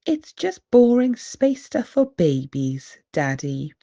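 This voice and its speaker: A woman's voice: medium pitch, big pitch swings, takes it slowly, dark tone, highs cut off, pitched above the performer's own voice. British lady doing a bossy doubting little piggy girl, childlike, very up and down. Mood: dismissive. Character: opinionated, sceptical little girl piglet.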